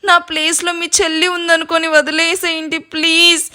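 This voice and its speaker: A woman's voice: very high-pitched, completely flat delivery, moderate pace, pushed and bright, pitched above the performer's own voice. A woman voicing a desperate young woman crying and begging for her life. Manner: pleading, sobbing.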